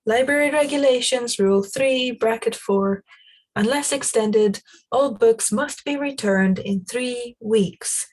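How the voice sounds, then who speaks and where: A woman voicing a fussy, pompous middle-aged male town clerk who recites rules, in a breathy voice. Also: on the high side, takes it slowly, darkish tone, voice pushed up, poor audio. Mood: pedantic.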